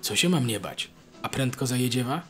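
A man's voice: mid-range voice, expressive, normal speed, a bit bright, faint music behind, natural voice. A man voicing a simple, timid peasant soldier who asks naive, fearful questions in a rural dialect. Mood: naive, frightened. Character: simple, timid young peasant soldier, big and slow-witted.

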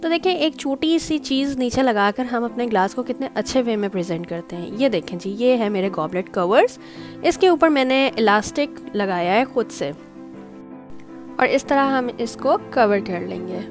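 A home cooking channel host casually demonstrates table setting at home, chatting through each step and mixing in English words. Her fairly high voice has lively intonation and a moderate pace, with music in the background.

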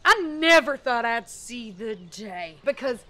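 A woman's voice: on the high side, expressive, slow pace, bright, forceful tone, exaggerated voice. A woman playing an earnest, spaced-out backwoods character in a comedy sketch. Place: outdoor backyard.

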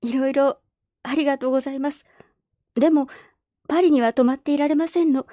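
A woman voicing a polite, soft-spoken orphan girl who stays resolute in a storybook reading. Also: sits high, fairly even intonation, a little fast, dry recording, clean studio sound, voice pushed up, natural voice.

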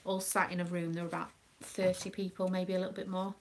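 A woman's voice: lowish voice, flat delivery, fast, a little hiss or hum. A British woman, a proud mother, chatting casually on a live stream with a rambling, um-filled manner. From United Kingdom. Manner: chatty, rambling, with many ums. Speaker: craft live-streamer and dance mum.

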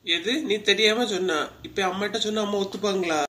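In a cartoon voice-acting role, a woman plays a village woman who is firm but caring, speaking with a Kanyakumari Tamil accent. She scolds and consoles by turns. Her natural voice has a medium pitch, a steady but sharp tone, and a fairly quick pace.

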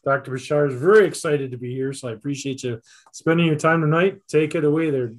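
A man's voice: a little high, fast talker. Man hosting over a video call. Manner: reads a bio with small slips and fillers. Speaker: event host. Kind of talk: reading a speaker introduction. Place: small office indoors. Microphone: video call webcam.

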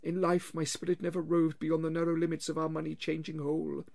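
Jacob Marley, a wailing chained ghost. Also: male voice, fairly high pitch, monotone, vocal fry, a little mellow, pitched above the performer's own voice. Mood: mournful. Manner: slow, wailing, drawn-out lament with anguished cries. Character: tormented old male ghost dragging chains. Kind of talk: audiobook reading.

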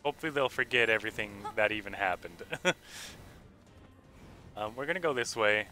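A man commentating his own gameplay on a live stream, rambling and thinking out loud as he plays. His voice is very bright and sharp-edged. Faint game music plays behind him. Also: on the low side, animated, a little fast. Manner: rambling, thinking aloud with many fillers.

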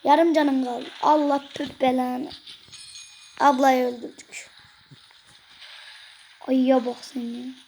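A gaming video creator giving excitable gameplay commentary, cursing and joking at the game characters. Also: sits high, takes it slowly, vocal fry, long pauses, a little hiss or hum.

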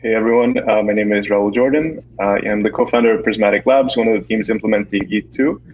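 A man's voice: lowish voice, fast talker, narrow, tinny audio, a little hiss or hum. A man from Honduras introducing himself on a video panel, earnest and eager. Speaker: panelist, co-founder.

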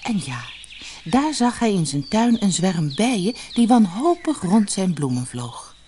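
A woman narrating a fairy tale in an expressive, measured storytelling manner. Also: medium pitch, slight background noise.

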